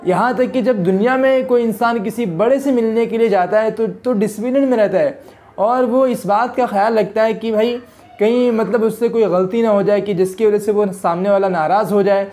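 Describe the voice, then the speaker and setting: A man's voice: sits high, normal speed, darkish tone. Earnest man giving a religious talk. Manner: earnest, exhorting, repeats phrases. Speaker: religious video host. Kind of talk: Islamic advice talk to camera.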